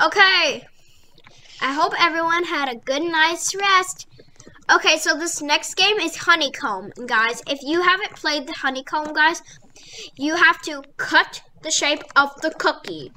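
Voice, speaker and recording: A female gaming host giving excited, casual gameplay commentary and explaining things as she plays. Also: sits high, unhurried.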